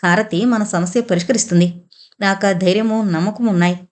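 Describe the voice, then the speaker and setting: A woman's voice: medium pitch, steady tone, a little fast, a little mellow, close to an everyday voice. A woman voicing a proud young man who speaks passionately and indignantly to the women around him in a storybook reading. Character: earnest young man, proud and wounded lover.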